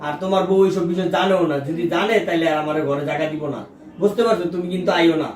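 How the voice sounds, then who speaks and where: A man's voice: high-pitched, fairly even intonation, natural voice. A man playing a debt-ridden son scolding his mother in rustic speech. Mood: indignant. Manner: rapid, agitated scolding in dialect. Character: indebted adult son, defensive and scolding. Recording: echoey room, far from mic, faint noise.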